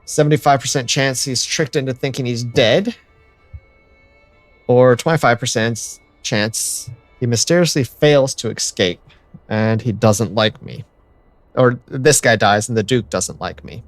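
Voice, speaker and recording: A man hosting a let's-play, chatting in a relaxed way and reading game events aloud. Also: mid-range voice, unhurried, no room sound, soft background music. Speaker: gaming channel host.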